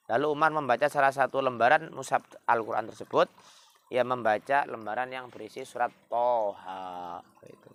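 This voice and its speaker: A man tells a story to children in a loose, chatty way. His mid-pitched voice has a gravelly edge. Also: fairly bright tone. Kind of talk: casual storytelling for kids.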